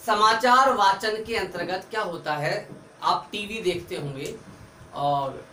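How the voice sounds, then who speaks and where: A man's voice: high voice, sharp tone. A man teaching an online grammar lesson, explaining step by step as he writes on a board. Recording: echoey room, far from mic, faint background hiss.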